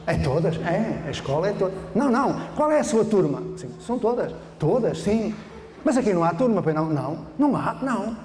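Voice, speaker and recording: An older man with a European Portuguese accent voicing an older woman teacher, raising his voice into high, plaintive questions. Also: sing-song, a little fast, darkish tone. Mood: bewildered. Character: older woman teacher, bewildered then stubborn. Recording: echoey large hall, faint noise.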